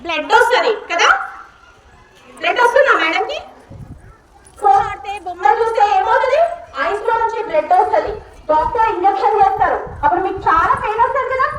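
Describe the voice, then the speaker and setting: A woman teacher, speaking in a very high voice as she coaxes small children with question after question. She is caught from a distance in an echoey classroom, with a faint hiss behind her. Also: animated, a little fast, long pauses, a bit bright. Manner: coaxing, repetitive, questioning. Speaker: school teacher. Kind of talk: coaxing young children in a classroom demonstration. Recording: echoey room, mic far off, faint noise.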